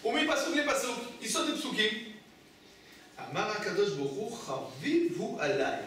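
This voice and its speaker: A man's voice: sits high, big pitch swings, moderate pace, bright, forceful tone, slight background noise. A man, a rabbi, teaching a Torah class, asking his students questions and answering them himself. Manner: explains texts with repeated phrases and restarts. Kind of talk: Torah study lesson. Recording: echoey room, mic far off.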